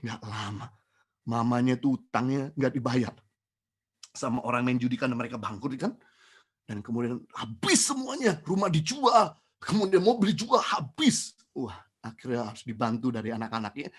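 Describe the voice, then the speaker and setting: A middle-aged man, a pastor, tells a testimony in a sermon, swinging from high, loud bursts to low, quiet lines as he speaks to the congregation. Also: animated, normal speed, breathy edge. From Indonesia. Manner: addresses the congregation directly.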